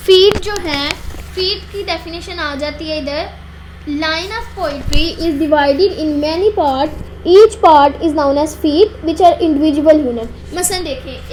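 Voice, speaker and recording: A woman lectures on poetry with a very high voice. She explains in a steady classroom manner and drops to a slow, careful pace whenever she reads out a definition. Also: slight background noise. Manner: mixes Hindi explanation with slowly dictated English definitions. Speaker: teacher. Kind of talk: recorded literature lecture.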